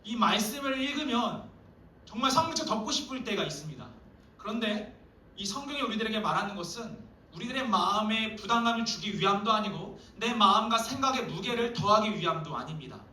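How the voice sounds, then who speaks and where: Bright-voiced male youth pastor preaching. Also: high-pitched, fairly quick, a little hiss or hum. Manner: lively, acts out quoted dialogue. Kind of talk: sermon to youth group. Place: church hall. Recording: echoey hall, voice from a distance.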